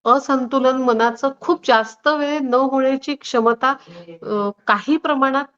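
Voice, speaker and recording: A woman's voice: high voice, unhurried, fairly bright tone, dull audio. A woman guest telling personal stories in a reflective, anecdotal way, with frequent hesitations. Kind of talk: personal storytelling in conversation.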